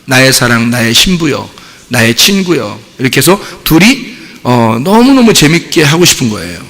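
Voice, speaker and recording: Animated gravelly pastor preaching. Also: male voice, fairly high pitch, long reverb tail. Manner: animated, acts out little scenes and voices. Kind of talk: sermon. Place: church sanctuary.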